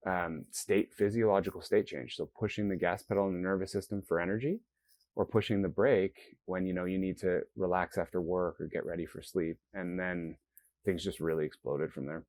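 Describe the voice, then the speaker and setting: This is a man with a notably deep, low voice, speaking in an interview. He explains things earnestly and step by step, slipping into quoted self-talk along the way. The sound is close and dry, with no room echo. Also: fairly even intonation, a little fast, a little mellow. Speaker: guest, company founder. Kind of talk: interview conversation.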